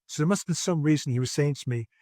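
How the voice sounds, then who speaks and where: Speaking as a podcast guest from home, a man in his sixties earnestly and reflectively recounts his personal story, often starting sentences over. His voice is fairly high, mellow and rapid-fire, captured in clean studio sound with no room echo.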